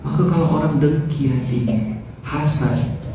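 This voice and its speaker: A man preaches a dawn sermon with humor and rhetorical questions, his voice mellow and mid-pitched. He stands back from the microphone in a very roomy hall, so his voice carries a heavy echo over faint background noise. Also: a little slow, recorded from a distance. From West Kalimantan, Indonesia. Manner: lively, joking, asks the crowd rhetorical questions. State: recovering from mouth ulcers, speaking slowly.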